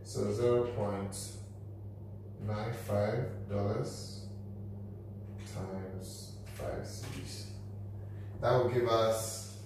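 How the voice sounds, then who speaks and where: A finance educator in his thirties gives a methodical whiteboard lesson in a small office room, walking step by step through the figures. His lowish, fairly even voice is extremely slow with long pauses. A distant camera records him off-mic in an echoey room, with a faint hum underneath.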